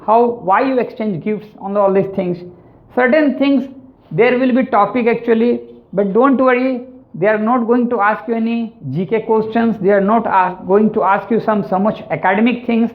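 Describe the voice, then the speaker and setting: Speaking at a moderate pace in a high voice, a man with an Indian English accent teaches exam tips. His delivery is repetitive, with "right?" and "actually" attached to line after line. The sound is thin and phone-like.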